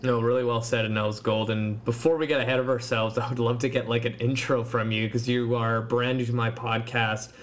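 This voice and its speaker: A man's voice: mid-range voice, level tone, a little fast, hardly any pauses. A man hosting a podcast in a chatty way, laughing easily and using many casual fillers. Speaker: podcast host. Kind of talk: casual interview talk.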